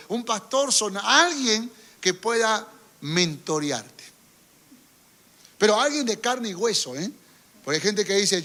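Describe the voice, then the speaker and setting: A man's voice: sits high, bright, forceful tone. A pastor preaching a sermon, often turning to the congregation with rhetorical questions and stories from his own ministry.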